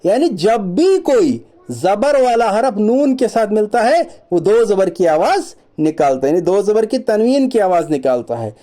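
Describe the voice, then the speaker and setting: A man teaching children Quran reading, reciting letter sounds slowly one by one and patiently repeating each rule, with mixed into his explanations. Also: sits high, sing-song, warm tone. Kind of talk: children's lesson, slow drilled recitation.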